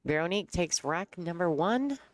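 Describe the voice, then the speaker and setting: A woman giving casual commentary on a pool match, chatty and quick to laugh as she tells stories. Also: lowish voice, expressive. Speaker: color commentator. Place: pool hall commentary booth.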